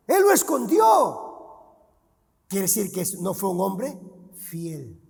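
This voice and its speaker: A male pastor preaches emphatically, firing questions at the congregation and shouting key words. His voice is high and gravelly with slow, deliberate pacing. It rings out in a church with a long reverb. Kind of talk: sermon.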